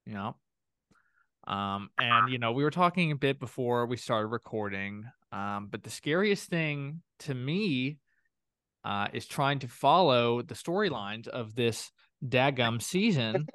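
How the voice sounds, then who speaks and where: A man's voice: medium pitch, animated, measured pace, a bit bright, no echo, studio quality. A man hosting a reality TV recap podcast, chatting casually with a playful, sing-song delivery. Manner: playful, sing-song intro with spooky asides. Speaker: podcast host.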